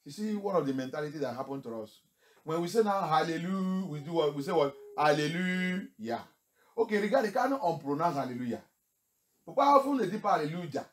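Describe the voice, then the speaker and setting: A man's voice: a little high, animated, brisk. Man preaching a bilingual sermon. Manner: switches between English and French, rising to shouts; rhetorical questions to the congregation. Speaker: pastor.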